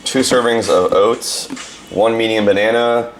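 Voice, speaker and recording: A young man with a hoarse, worn-out voice, chatting casually to camera as a fitness vlogger and rambling through a story. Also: mid-range voice, unhurried, poor audio. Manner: chatty, rambling, telling a story with shouted quotes. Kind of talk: casual vlog talk to camera.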